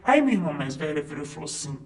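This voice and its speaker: A man's voice: fairly high pitch, very animated, very fast. A man narrating a first-person story in a conversational way, with fillers and asides to the listener.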